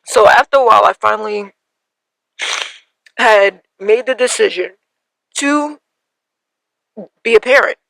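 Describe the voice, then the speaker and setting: A woman in her thirties shares a personal story on her podcast, her voice bright with a gravelly fry. She talks in an emotional, halting way, full of fillers and little laughs. The sound is dry and close. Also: a little high, no room sound, poor audio. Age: 30s. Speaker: podcast host.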